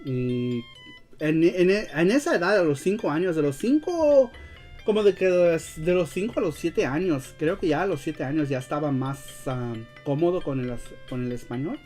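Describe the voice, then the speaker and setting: A man's voice: on the high side, lively intonation, moderate pace, a little mellow. Male streamer host, English native, Mexican-accented Spanish, hesitant and slangy, faint music behind. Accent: Mexican-style Spanish, learned as a second language. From United States, grew up in Los Angeles. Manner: hesitant, searching for words, slangy. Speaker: show host. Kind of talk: casual live-stream chat.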